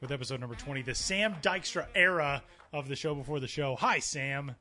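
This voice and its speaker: A man's voice: mid-range voice, fairly quick, sharp tone, faint music behind. A man hosting a sports podcast in upbeat, chatty, informal style from a press box booth, with a slightly cave-like sound. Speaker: podcast host. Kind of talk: casual sports podcast chat.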